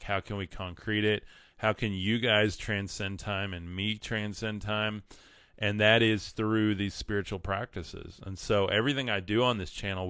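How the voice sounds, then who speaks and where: A man's voice: low voice, a bit bright, clear, resonant tone, no room sound, clean studio sound. A man with a West Texas twang talking as a livestream host, earnest and emphatic, often repeating words for emphasis. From West Texas, United States. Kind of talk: casual livestream monologue with read-out comments and quotes.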